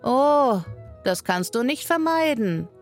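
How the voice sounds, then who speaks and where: A woman voicing a teasing, mad grinning cat, speaking high and drawn out in a sing-song way in a radio reading. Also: animated, takes it slowly, faint music behind.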